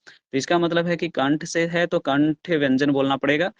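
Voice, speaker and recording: Hindi grammar teacher sounding out letters. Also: male voice, fairly high pitch, steady tone, no room sound, dull audio. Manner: explains step by step, asks the class questions and answers them himself; sounds out letters slowly and loudly. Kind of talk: online class lecture.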